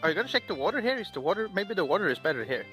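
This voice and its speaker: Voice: mid-range voice, very animated, rapid-fire, over music, rough recording. A vlogger chatting playfully and teasing a friend while filming. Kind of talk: casual vlog chat.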